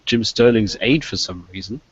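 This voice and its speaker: A man in casual podcast chat, talking haltingly and restarting his words often. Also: on the low side, breathy edge, highs cut off.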